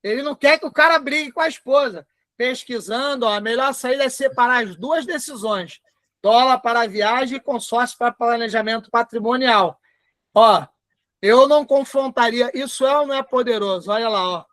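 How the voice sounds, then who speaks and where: High-voiced Brazilian man teaching a class. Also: fairly bright tone, no echo, studio quality. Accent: Brazilian Portuguese. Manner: chatty, dictates slowly word by word. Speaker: instructor. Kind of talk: live online class.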